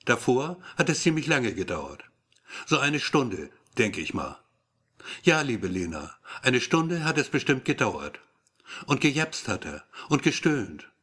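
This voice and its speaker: A man's voice: medium pitch, big pitch swings, unhurried, fairly bright tone, slightly rough, heavily acted. A man reading the letter of a sweetly sinister woman in an audiobook, with a sugary, insinuating manner.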